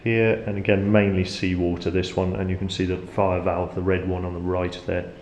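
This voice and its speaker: A man's voice: deep voice, level tone, normal speed, darkish tone. A man acting as tour guide, explaining machinery in an informal, unscripted way inside a ship's engine room. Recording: echoey metal room, background hum.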